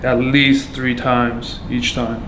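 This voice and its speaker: A man from Afghanistan tells his story as a patient in a monotone, with hardly any rise or fall in his voice. He halts often, filling gaps with fillers and restarting his sentences. The room echoes and there is clear noise behind him. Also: mid-range voice. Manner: halting, with many fillers and restarts. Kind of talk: candid personal testimony.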